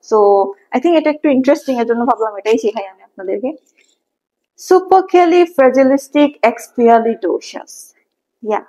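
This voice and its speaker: A woman's voice: on the high side, a little mellow, poor audio. A young woman teaching English, drilling long words part by part with patience. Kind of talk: casual lesson mixing Bengali and English.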